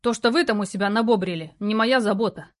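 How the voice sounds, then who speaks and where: A woman voicing a gruff, burly male courier who talks curtly and in rough slang. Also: mid-range voice, fast, no room sound, clean studio sound, close to an everyday voice.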